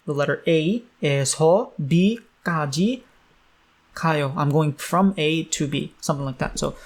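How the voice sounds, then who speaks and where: A man teaching a language in a casual online lesson, loose and chatty with many ums. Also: fairly high pitch.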